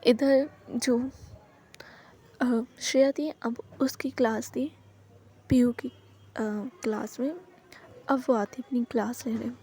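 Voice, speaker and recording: A woman's voice: a little high, steady tone, slow, pauses often, dark tone, slightly rough. A woman narrating a romance story in a casual, chatty way, often correcting herself as she goes.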